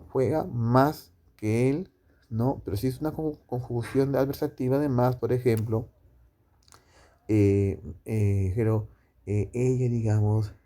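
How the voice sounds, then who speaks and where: A man teaching a grammar lesson, explaining slowly with many fillers and tag questions. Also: medium pitch, dark tone.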